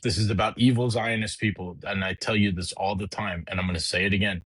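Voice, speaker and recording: A man's voice: fairly low pitch, fairly even intonation, fast, fairly bright tone, breathy edge, dry recording, low-quality recording. A middle-aged man hosting a podcast, ranting casually in a blunt, heated, profane way with frequent restarts. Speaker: podcast host. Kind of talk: casual political rant.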